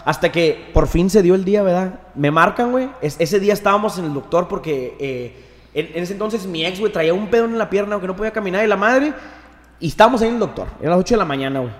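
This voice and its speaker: A man's voice: high voice, expressive, fast, big-room sound. A young man with a Mexican accent telling a story in casual chat, slangy, with "güey" in almost every phrase. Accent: Mexican Spanish. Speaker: podcast guest.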